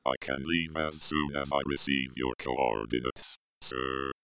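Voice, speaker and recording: A man voicing a calm, obedient male droid pilot who speaks slowly and formally. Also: a bass voice, dry recording, voice pushed down, exaggerated voice. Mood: dutiful. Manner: slow, formal, mechanical delivery.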